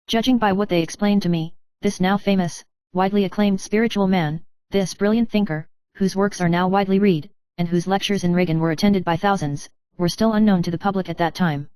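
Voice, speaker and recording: Smooth, clear woman reading a story. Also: mid-range voice, fairly quick, darkish tone, no room sound. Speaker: narrator. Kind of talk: scripted first-person story narration.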